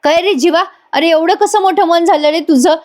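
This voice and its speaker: A doting old uncle praises his nephew and blesses the family, his voice lifting high with emotion, as a woman reads his lines. He speaks in warm, drawn-out phrases that often slow as he is overcome. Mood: moved.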